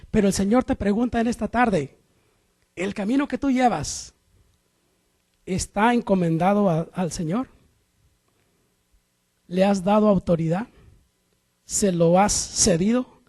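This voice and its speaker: A man with a notably high voice preaches a sermon to his congregation. He fires off rhetorical questions and moves between loud, stressed lines and quiet asides. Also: a little slow, pauses often.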